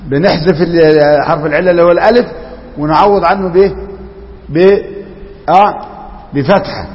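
A man's voice: on the high side, normal speed, in a large hall, dull audio. A man with an Egyptian Arabic accent teaching a classroom grammar lesson, quizzing students and repeating their answers.

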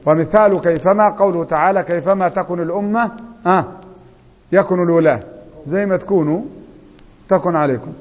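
A man with an Egyptian accent teaching Arabic grammar, quizzing students and reciting examples slowly and drawn out. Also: high voice. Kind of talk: classroom grammar lesson. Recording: echoey hall, dull lo-fi sound.

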